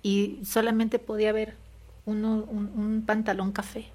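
A Mexican woman, a guest in an interview, tells a personal story hesitantly, leaning on fillers and tag questions, in a Mexican Spanish accent. Her medium-pitched voice has a dark tone, little pitch movement, and an unhurried pace.

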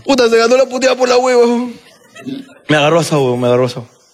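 A young man telling a story in casual chat, profane and animated, acting out scenes. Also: very high-pitched, fast talker. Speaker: podcast co-host telling a story.

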